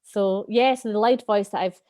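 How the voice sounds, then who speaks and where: A woman's voice: mid-range voice, normal speed, no room sound, studio quality. A woman wellbeing expert talking earnestly and openly as an interview guest. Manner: earnest, open, animated. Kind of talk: candid interview talk.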